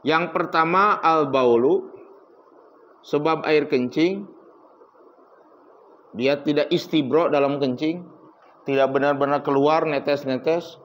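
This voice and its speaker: A man giving a religious study lecture as a teacher, telling stories and acting out dialogue, swinging between loud lines and hushed asides. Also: on the high side, takes it slowly, long pauses. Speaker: kitab teacher. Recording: dull lo-fi recording.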